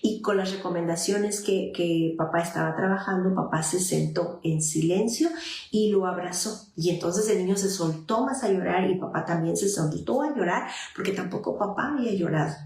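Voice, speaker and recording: A woman's voice: medium pitch, gravelly, a little mellow. A woman psychologist giving parenting advice on a livestream and answering viewer messages, with frequent fillers and restarts. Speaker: child psychologist and parenting advisor. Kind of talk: live parenting advice talk. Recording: echoey room.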